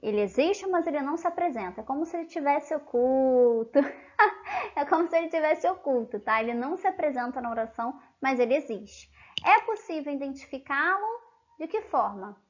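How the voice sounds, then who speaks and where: A woman's voice: high-pitched, lively intonation, brisk, muffled recording. A Brazilian woman giving an online language lesson in a chatty manner, often checking in with her students. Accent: Brazilian Portuguese. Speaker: language teacher.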